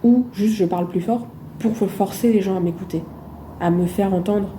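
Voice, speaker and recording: Woman vlogger, very mellow dark tone, loud-spoken, emphatic questions, phone camera. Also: medium pitch, moderate pace, a little hiss or hum. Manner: emphatic rhetorical questions, frequent hesitations. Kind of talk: casual monologue to camera.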